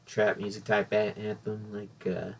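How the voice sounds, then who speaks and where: A man's voice: lowish voice, level tone, unhurried, vocal fry. A man hosting a casual solo podcast, rambling and correcting himself as he talks. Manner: rambling, self-correcting, chatty. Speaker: podcast host.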